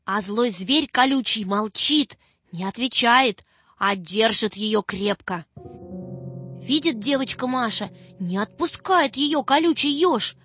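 Woman narrator, children's story, high lively voice, slow, dull dry recording, faint music. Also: slightly rough, dry recording. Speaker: audiobook narrator.

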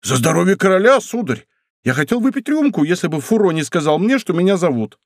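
A man's voice: high voice, big pitch swings, a little fast, no room sound, clean studio sound, voice pushed up, exaggerated voice. A man voicing a shaken, meek servant who speaks fearfully. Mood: frightened. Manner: fearful, breathless.

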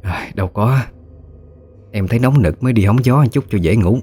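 Brief: man voicing a middle-aged woman, deep-voiced and unbothered. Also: normal speed, warm tone, husky. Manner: startled then brushing off.

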